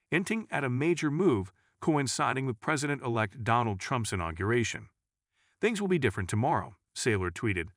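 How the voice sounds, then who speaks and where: A man with a lowish voice reads a scripted news update in a steady, even delivery. The recording is dry and close. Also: no room sound. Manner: even, read-aloud delivery. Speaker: news narrator.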